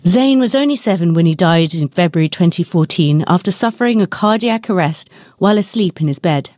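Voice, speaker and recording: A woman's voice: fairly low pitch, animated, a little fast, darkish tone, no echo, clean studio sound. A woman narrating a scripted special report as a television news reporter.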